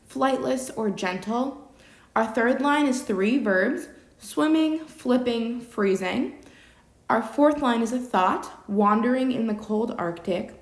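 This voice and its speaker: A woman teaching an online poetry lesson, explaining each rule patiently and step by step. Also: on the high side. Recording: very echoey room.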